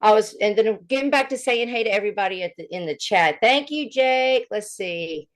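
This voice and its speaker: A woman's voice: medium pitch, animated, brisk. A woman co-hosting a livestream in casual, chatty talk, her voice running through a heavily compressed microphone. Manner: chatty, laughs often, loud bursts. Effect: heavily compressed mic. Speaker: livestream co-host. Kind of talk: casual chat. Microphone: streaming mic with compressor.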